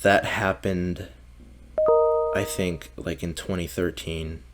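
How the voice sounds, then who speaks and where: Low-voiced young man chatting casually. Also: flat delivery, slow. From Mexico. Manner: casual, swears often, many "like" fillers. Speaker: podcast guest. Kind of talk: casual conversation.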